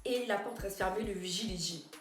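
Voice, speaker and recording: A woman's voice: mid-range voice, a little fast. Chatty young woman vlogging a storytime, slangy and fired up, echoey room w faint music. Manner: chatty, animated, slangy, swings into loud indignant quotes. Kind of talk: casual storytime to camera.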